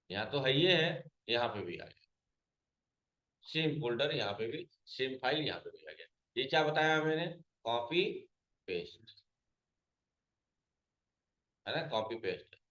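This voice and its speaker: A man runs a computer class at a mid pitch, neither high nor low. He keeps putting questions to his students and then answers them himself, repeating each key point. The room around him is echoey. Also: a bit bright, lo-fi sound. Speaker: computer teacher. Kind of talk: classroom lesson.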